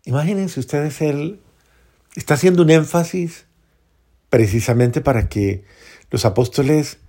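A man preaching a homily as a priest, earnest, repeating phrases for emphasis and dropping to soft prayerful tones. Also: fairly high pitch, measured pace.

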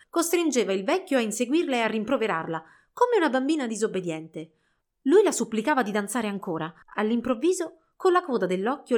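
A woman narrating a storybook in an expressive, measured reading. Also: a little high.

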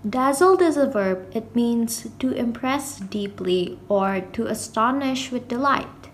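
A woman's voice: a little high, animated, slow, slight background noise. A woman hosting a children's podcast, carefully reading a storybook and explaining words aloud.

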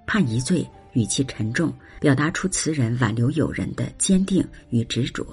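Over faint background music, a reader slowly recites a classical poem, drawing out the phrasing expressively with wide swings in pitch. Afterward the reciter turns commentator, explaining the lines and their meaning.

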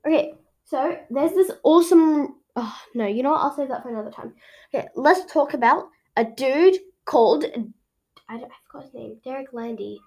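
A woman's voice: high-pitched, animated, normal speed, a little mellow. A woman hosting a casual home podcast, rambling and correcting herself as she goes. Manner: rambling, chatty, with frequent self-corrections. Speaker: podcast host. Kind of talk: casual solo podcast chat. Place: home room.

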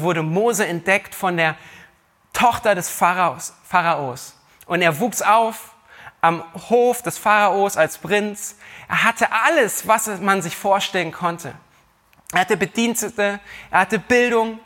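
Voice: mid-range voice, sharp tone. A preacher delivering a sermon who retells a scripture story in everyday words and speaks straight to the listeners. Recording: long hall reverb.

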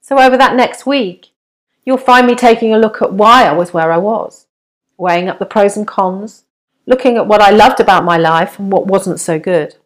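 A woman's voice: medium pitch, normal speed. A middle-aged woman, narrating her own self-help book and addressing the reader directly in an encouraging way. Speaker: author and narrator.

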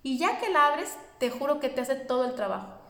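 A woman's voice: high-pitched, animated, a little fast, fairly bright tone, reverberant. A woman, teaching a spiritual course in an earnest, reassuring way, speaking directly to her listeners.

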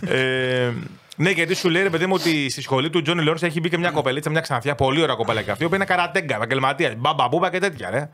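A man hosting a podcast, chatting casually and excitedly retelling a show's plot with laughs and tangents. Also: fairly high pitch. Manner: excitable, rambling storyteller, laughs often. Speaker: podcast host. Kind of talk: casual chat.

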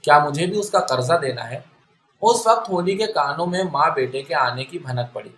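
A man narrating a literary short story in a steady, measured reading style. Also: a little high. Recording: echoey room.

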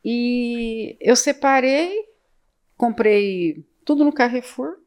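A woman's voice: on the high side, takes it slowly, darkish tone. A woman in her late fifties with a Brazilian accent from the São Paulo interior, a business owner telling her story as a podcast guest, chatty and repeating words as she acts out old conversations. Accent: Brazilian Portuguese, São Paulo interior. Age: 50s. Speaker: real estate agency owner, podcast guest.

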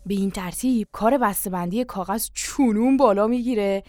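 A woman's voice: mid-range voice, mellow, no echo, clean studio sound, natural voice. A woman reading an audiobook, voicing a boastful, scheming country father who talks in an eager, coaxing salesman manner. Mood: excited scheming.

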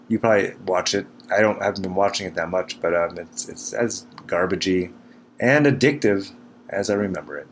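Low-voiced man rambling, noisy cabin recording. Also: a bit bright. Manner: self-deprecating, dryly wry. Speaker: podcast host. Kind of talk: casual rambling solo podcast monologue. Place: small cabin kitchen in the mountains. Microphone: recording into a computer.

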